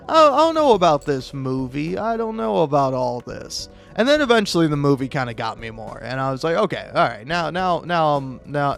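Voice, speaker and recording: Chatting loosely over gameplay with music in the background, an American gaming creator from Florida sounds hesitant and self-deprecating, frequently stammering and repeating himself. His voice sits on the high side with a fairly bright tone.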